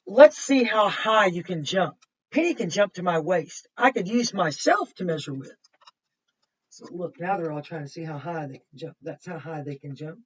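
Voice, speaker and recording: This kindergarten teacher reads a picture book aloud, weaving in simple explanations, pointing out details, repeating herself, and questioning the children. She has a fairly low pitch and a moderate pace. Slight background noise is present, and the recording is muffled from a distant microphone.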